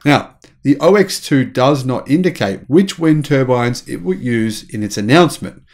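A man, hosting an energetic news commentary in a small room at home and gesturing with his hands. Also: mid-range voice, moderate pace. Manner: enthusiastic, animated, gestures with hands. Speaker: channel host.

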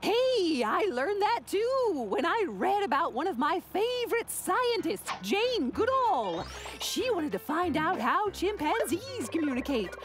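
A woman voicing a lively older grandmother in a children's puppet show, playful and chuckling. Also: very high-pitched, unhurried, faint music behind, heavily acted. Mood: cheerful. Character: lively, fun-loving grandmother.

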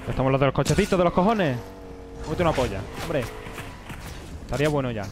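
A man's voice: on the high side, quick pace, over music. A man streaming a game live, talking to himself and swearing as the action heats up. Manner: excitable, swears, talks to himself. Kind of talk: live gameplay commentary.

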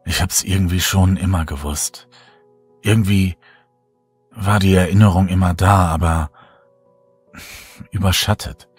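A man's voice: deep voice, fairly even intonation, unhurried, pauses often, slightly rough, dry recording, soft background music. A man playing the frightened first-person hero of a horror audiobook, asking urgent, breathless questions.

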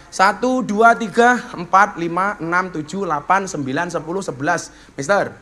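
A man's voice: high voice, moderate pace, sharp tone. A man with a Javanese accent, a preacher hosting a religious gathering, telling stories and joking with guests. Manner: joking, teasing banter with guests. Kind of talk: lively sermon storytelling to a crowd.

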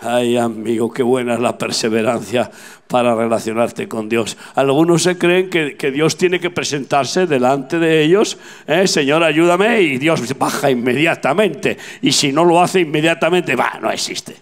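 Fervent older street preacher. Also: male voice, medium pitch, normal speed. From Spain. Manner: fervent, preaching loudly to passers-by; addresses listener as friend, asks rhetorical questions. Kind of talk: sermon. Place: outdoors on a street.

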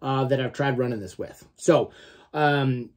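A mid-range, slightly mellow male voice moves a little slowly through an informal product review recorded indoors in a small room at home. The speaker, a gear reviewer in his forties, stays a bit salty and mildly profane, repeatedly checking in with "okay?".

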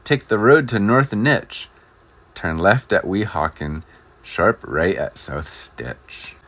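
A man's voice: lowish voice, sing-song, slow pace, fairly bright tone, slightly rough, exaggerated voice. A man voicing a greedy, defiant male factory owner who blusters in a storybook reading. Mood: coaxing.

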